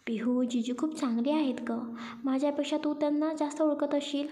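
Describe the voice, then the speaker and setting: A woman's voice: sits high, little pitch movement, a little fast, warm tone, natural voice. A woman voicing a playful young woman who teases her newly married friend. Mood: teasing. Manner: teasing, cheeky.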